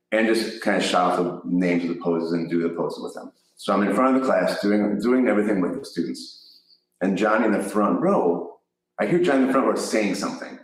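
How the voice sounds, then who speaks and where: A man with a Chicago accent, a yoga teacher and co-host, telling a rambling story in casual chat and often correcting himself. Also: sits low. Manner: rambling, self-correcting anecdote with laughs. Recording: echoey room, voice from a distance.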